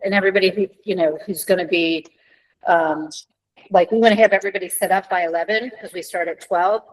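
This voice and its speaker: Woman organizer talking haltingly in a meeting. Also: lowish voice, fairly even intonation, poor audio. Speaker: event organizer at a board meeting. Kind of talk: informal meeting discussion.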